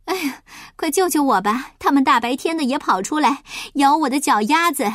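Woman doing a shrill fussy mother pig. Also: expressive, a little fast, no room sound, studio quality. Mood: agitated.

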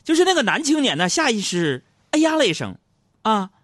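A man telling comic stories in a lively stand-up monologue, acting out other people's voices. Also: high voice, a little fast, no room sound, studio quality. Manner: animated storytelling, acts out other voices. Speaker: comedy radio host.

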